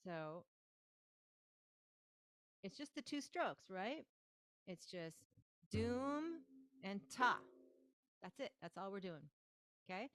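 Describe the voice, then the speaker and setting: A woman's voice: medium pitch, very animated, slow pace, pauses often, fairly bright tone. Woman teacher chanting drum syllables. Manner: encouraging, checks in with class. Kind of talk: online workshop instruction. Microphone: online workshop microphone.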